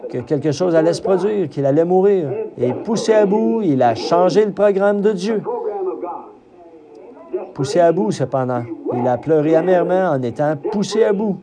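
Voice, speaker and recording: High-voiced man preaching a sermon. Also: lively intonation, moderate pace. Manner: emphatic preaching, rising to cries on key phrases. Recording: crowd audible behind.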